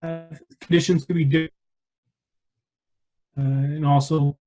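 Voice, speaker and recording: A man's voice: fairly high pitch, flat delivery, unhurried, warm tone, faint music behind, poor audio. A man presenting at a journal club on a video call, hesitant and full of fillers, his audio cutting in and out over a bad connection. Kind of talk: academic discussion on a video call.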